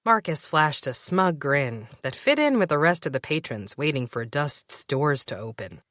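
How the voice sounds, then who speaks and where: A woman narrating a first-person audiobook in a wry, expressive storytelling manner. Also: low-pitched, moderate pace, no echo, clean studio sound.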